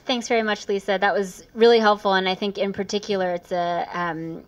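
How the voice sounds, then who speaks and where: A woman's voice: fairly even intonation, a little fast. A woman chairing a conference session, thanking and introducing speakers. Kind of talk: moderating a conference panel. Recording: noisy recording with low rumble.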